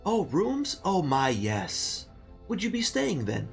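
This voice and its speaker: A man's voice: high voice, huge pitch swings, slow, vocal fry, soft background music, voice pushed up, heavily acted. Man putting on a very old, rambling, kindly innkeeper. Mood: warm, curious.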